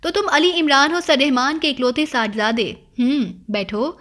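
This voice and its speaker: A woman putting on a stern, heavyset landlord in an audiobook drama, curt and imposing. The voice is bright and stays high. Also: expressive. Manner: curt, booming.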